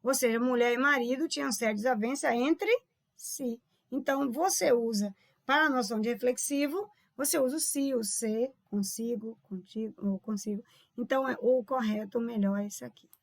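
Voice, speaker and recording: Solving exam questions in an online grammar class, a Brazilian Portuguese-accented woman explains each point and regularly asks "tá vendo?", addressing her audience as "povo lindo." Her voice is fairly high with vocal fry, at a moderate pace, captured in a dry studio-quality recording.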